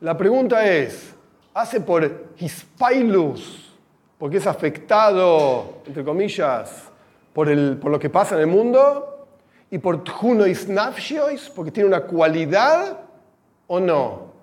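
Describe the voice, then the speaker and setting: A man with a Rioplatense accent teaches a religious lesson in a high voice that moves around a great deal. He is animated, acts out examples, and mixes Hebrew terms into his Spanish explanations. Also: slow pace. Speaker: Torah teacher. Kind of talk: religious text lesson to girls.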